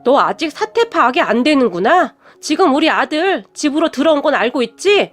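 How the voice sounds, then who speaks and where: A stern middle-aged father, as a woman narrator reads him in an audio story. He speaks firmly and deliberately, and the line is read in the narrator's own high register. He sounds cold and measured. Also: very animated, soft background music. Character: stern middle-aged father confronting his son's fiancée.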